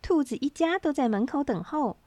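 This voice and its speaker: High, lively woman reading a storybook. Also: normal speed, dry recording. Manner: lively, expressive read-aloud.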